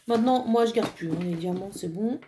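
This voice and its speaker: At home, a crafting vlogger chats casually while putting together a craft kit, thinking aloud with fillers and small "tac" sounds. Her mid-range voice is brisk and dark-toned, with slight background noise.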